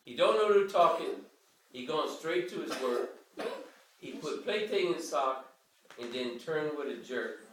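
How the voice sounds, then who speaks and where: An older man theatrically reads a Cajun-dialect verse story for bedtime while sitting in his living room armchair. His slightly high, a bit bright voice has lively intonation and a slightly slow pace with long pauses. A handheld camera a few metres away gives a roomy, distant recording with slight background noise.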